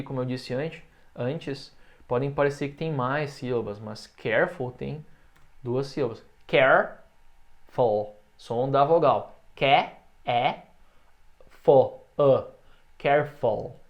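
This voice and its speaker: A Brazilian man teaching English comparatives, switching between explanations and slow, careful example phrases for his students to repeat. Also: medium pitch, a little mellow. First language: Portuguese. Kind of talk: online language lesson.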